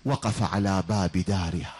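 Impassioned Iraqi preacher telling a story. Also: male voice, low-pitched, moderate pace, darkish tone, slightly rough. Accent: Iraqi Arabic. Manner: impassioned, rhetorical, addresses listeners directly. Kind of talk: sermon storytelling.

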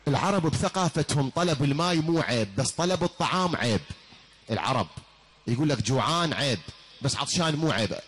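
Impassioned Iraqi preacher telling a story. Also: male voice, fairly high pitch, expressive, quick pace, fairly bright tone, slightly rough. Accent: Iraqi Arabic. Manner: impassioned, rhetorical, addresses listeners directly. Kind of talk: sermon storytelling.

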